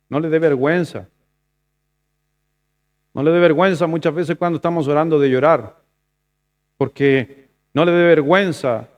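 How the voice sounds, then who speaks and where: Chilean pastor preaching, lively and conversational. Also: male voice, fairly high pitch, dull audio. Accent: Chilean Spanish. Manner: conversational preaching, swings between loud emphatic and soft asides. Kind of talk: sermon.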